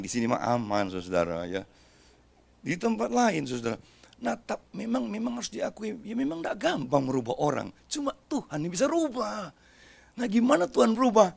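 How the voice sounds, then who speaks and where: Lively, joking pastor with gravelly voice. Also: male voice, mid-range voice. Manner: lively, joking, talks straight to the congregation. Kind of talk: sermon.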